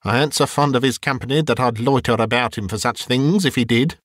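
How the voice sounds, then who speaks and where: A man voicing a coarse, greedy old charwoman who mocks the dead in brash, quick bursts. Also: mid-range voice, a bit bright, no room sound, studio quality, close to an everyday voice. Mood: scornful.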